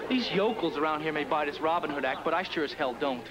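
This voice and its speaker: A man's voice: fairly high pitch, fast talker, a crowd in the background, close to an everyday voice. A man playing a brash scheming developer. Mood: hostile. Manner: combative, sneering. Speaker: land developer in a soap opera. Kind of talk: 1980s daytime soap acting. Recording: loud music under the dialogue.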